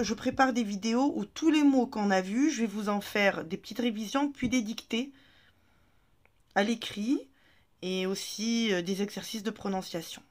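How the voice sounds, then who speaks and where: Teaching Arabic reading to learners who speak French, this woman has a medium pitch. She is patient and encouraging, drawing the syllables out for repetition.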